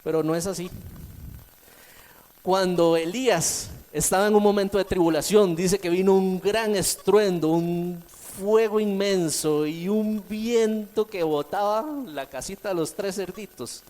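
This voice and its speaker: A male preacher with a voice pitched a little high. He moves between emphatic, rising lines and quiet, dropped ones. He repeats his key phrases to drive them home. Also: unhurried. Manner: dynamic preaching, swinging between emphatic and soft. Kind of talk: sermon.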